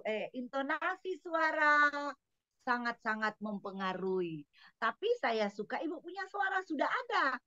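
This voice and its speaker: A woman's voice: high voice, pushed and bright, no echo, highs cut off. A woman lecturer giving instructive feedback to a trainee teacher, asking pointed questions and acting out classroom examples.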